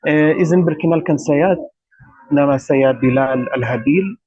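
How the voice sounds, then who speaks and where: A man from Gaza with an Arabic accent, speaking as a guest at a religious talk, measured and courteous. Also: a little high, very noisy. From Gaza, Palestine. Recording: dull radio broadcast sound.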